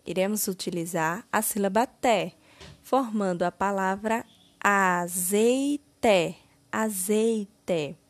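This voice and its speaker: Slow, deliberate Brazilian woman teacher. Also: mid-range voice. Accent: Brazilian Portuguese. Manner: slow, deliberate, syllable-by-syllable word stretching. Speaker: primary school teacher. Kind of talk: slow, clear lesson narration.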